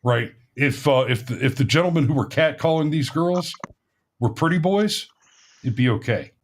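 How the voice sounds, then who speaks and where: A man's voice: on the high side, normal speed. Emphatic man hosting a talk show. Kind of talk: casual opinionated chat.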